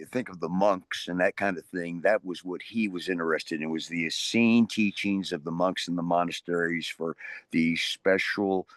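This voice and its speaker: A man's voice: low voice, dry recording. An older man, an interview guest, telling stories in a casual, rambling way and often restarting his sentences. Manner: rambling, restarts often, animated voices in anecdotes.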